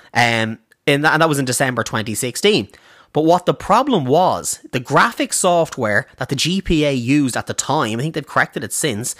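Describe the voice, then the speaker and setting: A man hosts his own podcast, telling a story in a loose, conversational way. His voice sits at an ordinary middle pitch. He often fills pauses with ums, restarts his sentences and drops in jokey asides. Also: a bit bright, no room sound, clean studio sound. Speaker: podcast host. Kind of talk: casual storytelling monologue.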